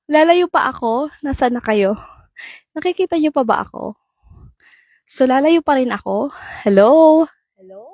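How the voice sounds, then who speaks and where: A woman's voice: high-pitched, animated, normal speed, pauses often, darkish tone, no room sound. A woman hosting a casual product-demo vlog, chatting to her viewers and calling out hellos while she tests a wireless lapel mic at home and outside. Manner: chatty, calls out hellos to viewers, laughs often. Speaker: vlogger reviewing a wireless mic. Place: home and outdoor yard.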